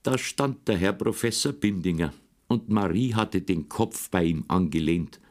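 A man's voice: low voice, animated, unhurried, a little mellow. A man narrating a humorous first-person boyhood story as an audiobook reader. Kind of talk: scripted narration.

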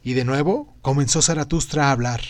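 A man narrating an audiobook reading in a measured, solemn way. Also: mid-range voice.

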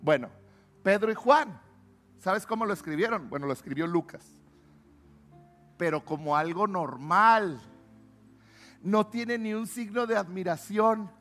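A man preaching a sermon, swinging between loud emphatic calls and low hushed asides. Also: expressive, measured pace, long pauses, faint music behind.

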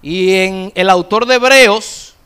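High bright-voiced male preacher. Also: clean tone. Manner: emphatic preaching, slowing to stress key phrases. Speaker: pastor. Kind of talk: sermon.

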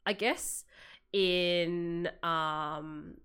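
A woman chatting casually on a live stream, projecting loudly through a compressed mic and often repeating words as she goes. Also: on the low side, steady tone, extremely slow, clear, resonant tone. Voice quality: loud, projected voice. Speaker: streamer and convention MC. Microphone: streaming mic setup with compressor.

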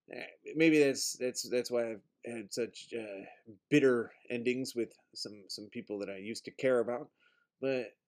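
A man's voice: medium pitch, darkish tone. A man hosting a podcast, rambling casually in a self-deprecating, profane way. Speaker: podcast host.

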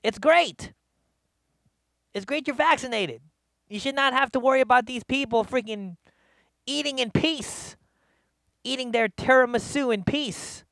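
A male comedian hosting a live show, rambling in a slangy, animated rant from his studio. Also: extremely high pitch, a little slow, gravelly, long pauses, dry recording. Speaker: comedian host. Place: home studio.

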